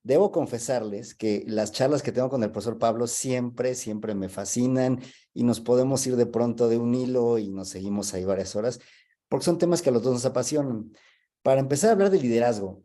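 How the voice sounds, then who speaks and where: Man telling a story, mellow voice. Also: mid-range voice. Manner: storytelling, explanatory, with filler "este". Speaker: guest speaker on leadership. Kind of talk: webinar talk.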